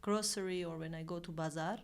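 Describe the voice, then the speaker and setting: A young Armenian woman speaks English with an Armenian accent as a guest in a casual interview. She often halts, using fillers and restarting sentences. Her voice is fairly low, with fairly even intonation.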